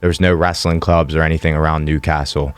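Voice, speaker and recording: A man's voice: extremely low pitch, level tone, quick pace, clear, resonant tone. A man in his twenties from western Pennsylvania, a guest telling his story in a plain, matter-of-fact way. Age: 20s. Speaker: guest, fighter. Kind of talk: casual interview.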